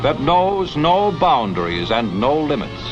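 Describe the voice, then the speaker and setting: A man narrates in the dramatic, emphatic manner of an old newsreel, his voice pitched a little high. The sound is dull and lo-fi, like vintage film audio, with music playing clearly behind him. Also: sing-song, unhurried. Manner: dramatic, emphatic announcer delivery.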